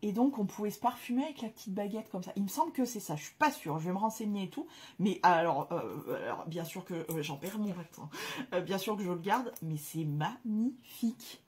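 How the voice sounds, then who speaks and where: Woman, casual vlogger, breathy husky voice, excitable, slangy, lots of fillers. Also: medium pitch, brisk. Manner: gushing exclamations, slangy and chatty; frequent hesitation fillers. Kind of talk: casual chat to camera.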